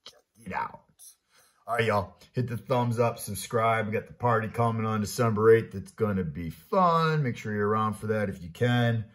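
Male channel host, deeper voice, relaxed slangy unboxing chatter recorded at a desk. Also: moderate pace. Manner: laid-back, slangy, talks to viewers as friends. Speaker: channel host opening mail. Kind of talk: casual unboxing chat to camera. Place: indoors at a desk with a coin display.

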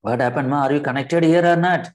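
A man's voice: medium pitch, very fast. A middle-aged man with a Tamil accent and an infected throat, lecturing interactively as an accounting teacher, repeating phrases and often checking with questions.

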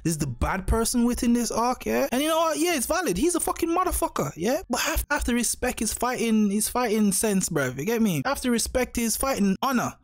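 A man's voice: very high-pitched, very animated, brisk, hardly any pauses. A young man, giving casual anime reaction commentary full of slang and swearing, often repeating himself.

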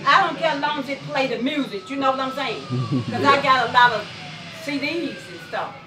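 A woman's voice: sits high, brisk, background noise. An older woman from Tennessee with a Southern country accent, chatting with her grandson in her kitchen and laughing often. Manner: laughs often, warm drawl, exclaims to the Lord. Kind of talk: casual family chat. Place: home kitchen.

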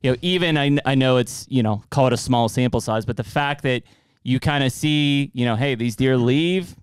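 Man, late thirties, podcast host, smooth clear voice, dry close studio sound, loose chatty delivery. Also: mid-range voice, normal speed, no echo. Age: 30s. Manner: loose, talkative, swears casually. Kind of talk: casual podcast chat. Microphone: desk mic with headphones.

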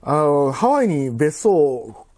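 A man in his thirties with a Kansai accent, chatting casually while eating, in a halting, rambling way with repeated phrases, labored from spicy food. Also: a little high, very animated, darkish tone. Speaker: food vlogger. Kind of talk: casual chat while eating and drinking to camera. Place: living room at home.

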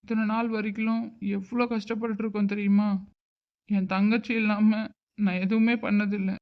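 A man voicing a hurt, stubborn uncle who scolds and grieves in an animated drama. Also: high voice, moderate pace, narrow, tinny audio, natural voice. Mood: grieving. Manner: reproachful, emotional. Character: hurt, stubborn middle-aged uncle, angry but grieving.

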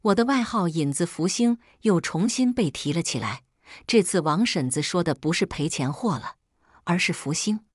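Brief: woman storyteller, slightly low and breathy, steady scripted delivery. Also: moderate pace, dry recording, studio quality. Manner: steady, plain recounting of a harsh family story. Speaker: story narrator. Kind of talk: scripted first-person storytelling.

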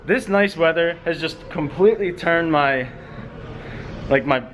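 A man's voice: a little high, measured pace, a bit bright. Chatty young man vlogging, noisy audio. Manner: chatty, upbeat, rambling. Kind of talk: casual vlog chat.

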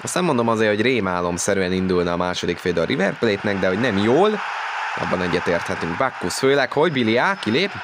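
A man with a fairly low voice commentates a football video game live in an excitable manner. His pitch climbs when play heats up. Loud stadium ambience runs behind him throughout. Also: noisy background. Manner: excitable, voice jumps up on goals and chances.

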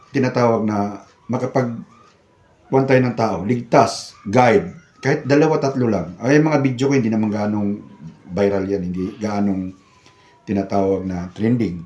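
Older male vlogger, missing-front-teeth speech, mid-pitched voice, casual and emphatic, echoey room recording. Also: normal speed, long pauses, darkish tone. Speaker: vlogger, retired security guard. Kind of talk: casual vlog chat.

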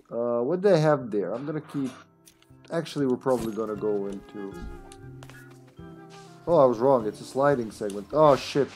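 Man, thirties, casual gameplay commentary, mid-pitched, rambling and joking, faint game music. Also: a little mellow. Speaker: video game streamer.

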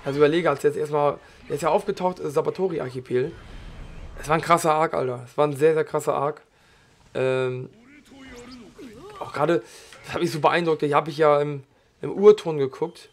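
Slightly hoarse man, gravelly gaming chatter. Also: a little high, steady tone, brisk, slight background noise. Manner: casual, slangy, chatty while playing. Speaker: gaming channel host. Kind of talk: let's play commentary.

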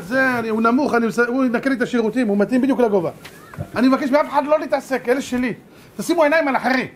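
A man, a rabbi, giving a religious lesson full of stories, animated and rhetorical, repeating points for emphasis. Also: high-pitched, a little hiss or hum.

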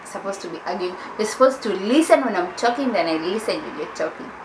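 A woman's voice: medium pitch, animated, fast, roomy sound, background noise. A woman, co-hosting a casual couple's vlog, insistent and teasing. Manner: insistent, teasing, laughs often. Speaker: vlog co-host. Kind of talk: casual chat.

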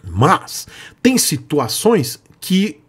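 A man's voice: on the high side, wildly swooping pitch, very slow, slightly rough. A middle-aged man with a Brazilian accent, a vlogger explaining things bluntly and sarcastically. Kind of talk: ranting explanation.

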